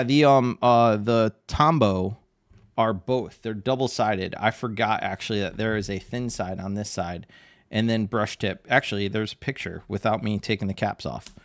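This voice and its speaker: A man streaming his art live, chatting casually and answering viewers' questions in a rambling, laid-back way. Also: lowish voice. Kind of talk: casual live-stream chat while drawing.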